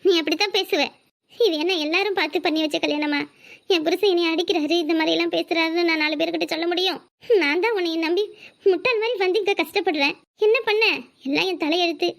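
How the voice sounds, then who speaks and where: Woman doing a very high, hurt cartoon wife. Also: quick pace, gravelly. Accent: Tirunelveli Tamil. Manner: reproachful, pleading with her husband. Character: hurt young wife, tearful and defiant. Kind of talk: cartoon voice acting.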